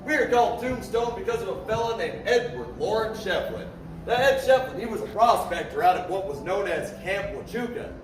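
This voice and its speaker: A man hosting a live Old West show, telling stories to the audience in a folksy, rowdy theatrical manner. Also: high voice. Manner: folksy, rowdy showman projecting to the crowd. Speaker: live show host and storyteller. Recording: very echoey, distant, music behind.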